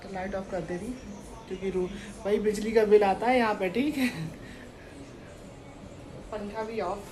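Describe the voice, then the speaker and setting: A woman's voice: mid-range voice, fairly even intonation, unhurried, a crowd in the background, poor audio. A young woman filming a casual home vlog, chatting and rambling straight to the camera on a clip-on mic indoors. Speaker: vlogger.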